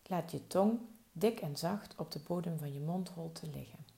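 A woman guides a slow body-relaxation meditation, speaking softly and soothingly in a low, mellow voice with heavy gravelly fry. She lets every instruction settle before moving on.

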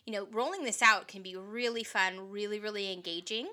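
Brief: woman teacher guest, very bright tone, animated, many restarts. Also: mid-range voice, fairly quick. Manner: animated, full of fillers and self-corrections. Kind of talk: casual chat.

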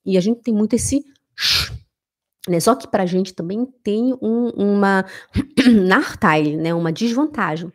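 A Brazilian woman with a Carioca accent, teaching German pronunciation in a live online lesson and acting out little dialogues while slowly repeating words for practice. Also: mid-range voice. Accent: Brazilian Portuguese, Carioca. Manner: animated, drills words by repeating them slowly.

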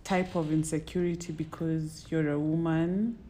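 A woman's voice: low voice, little pitch movement, normal speed, mellow, slight background noise. A woman with a Kenyan accent in casual, reflective conversation, searching for her words and sometimes mixing in Swahili. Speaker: podcast co-host or guest.

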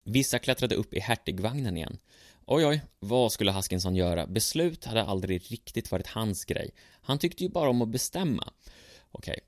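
A man's voice: fairly low pitch, expressive, no room sound, clean studio sound. A man narrating a scripted history story with a sardonic, ironic manner.

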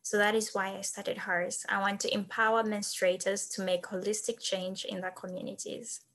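Young woman from zambia, earnest podcast guest telling her story, gets animated. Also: medium pitch, moderate pace. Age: 20s. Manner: earnest, animated when recounting. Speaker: guest, nonprofit founder. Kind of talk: podcast interview, personal storytelling.

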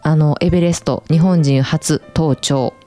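A woman's voice: low voice, fairly even intonation, unhurried, dark tone, faint music behind. A woman with an Osaka-area Kansai accent hosting a casual chat, announcing segments and chattily agreeing and prompting. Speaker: host.

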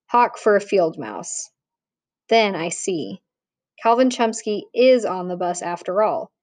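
A woman reading a novel aloud in a plain, measured way, with small restarts. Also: mid-range voice, expressive, a little mellow, dry recording. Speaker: audiobook narrator. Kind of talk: audiobook reading.

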